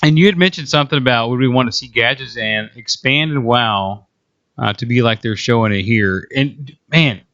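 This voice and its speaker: A man's voice: mid-range voice, normal speed, fairly bright tone. A man hosting a casual gaming podcast, chatting loosely with a guest, with frequent restarts and filler words. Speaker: podcast host. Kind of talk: casual chat. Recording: muffled lo-fi audio.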